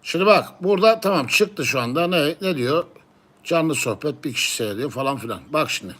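High-pitched man, explaining things step by step. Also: lively intonation, brisk, a bit bright. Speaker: pigeon live-stream channel owner. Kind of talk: casual chat.

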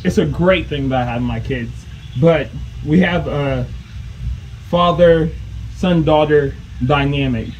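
A young man vlogging from his home kitchen, chatting casually and relaxed to the camera, laughing at himself now and then. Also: a little high, takes it slowly, highs cut off, a little hiss or hum. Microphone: camera on a counter, close. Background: background music.

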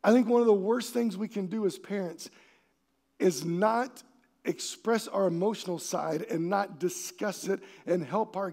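A male pastor delivers a sermon in a church, his voice pitched high with a gravelly rasp. He preaches in an animated way, acting out the quoted voices and now and then shouting to drive a point home. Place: church sanctuary.

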